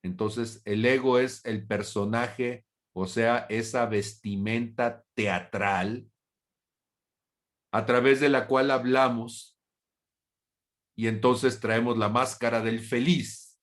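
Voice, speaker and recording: A man teaching a Bible study as a pastor, speaking deliberately, asking rhetorical questions and briefly acting out imagined exchanges in a raised voice. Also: mid-range voice, fairly even intonation. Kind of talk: sermon.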